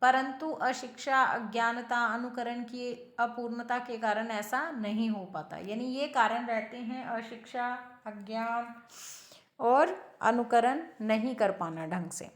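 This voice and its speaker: A woman teacher giving a lecture, who explains slowly, repeats each example word and asks her class questions. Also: fairly high pitch.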